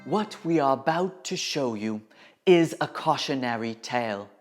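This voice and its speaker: Slow, dramatic woman presenting a nature documentary. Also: rumbling low, expressive. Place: studio. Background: background music.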